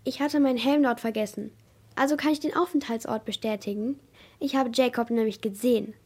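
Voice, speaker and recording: A suspicious oil-rig worker pressing a coworker with pointed, challenging questions in a fairly high voice, as a woman reads him. An audiobook thriller figure. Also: fairly quick, darkish tone, husky. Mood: accusing.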